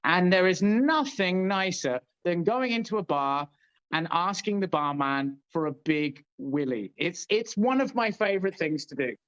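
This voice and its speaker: Host: rowdy British man, swinging pitch, crude jokes, muffled lo-fi sound. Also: animated, unhurried, a bit bright, clean tone. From Britain. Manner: boisterous, crude, joking. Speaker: show host. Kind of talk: casual tasting chat.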